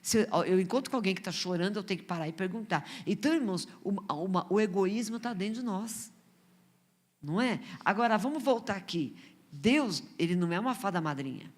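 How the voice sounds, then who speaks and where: A woman's voice: mid-range voice, lively intonation, brisk. A Brazilian woman missionary with a Brazilian accent preaching in church, in a conversational way, with many rhetorical questions and stumbling repeats. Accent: Brazilian Portuguese. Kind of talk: sermon.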